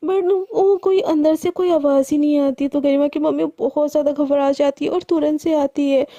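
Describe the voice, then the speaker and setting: A woman's voice: high-pitched, fairly even intonation, normal speed, warm tone, no room sound. A young woman narrating a love story in a casual, chatty way, often restarting her sentences. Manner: chatty, mixes English words, frequent restarts.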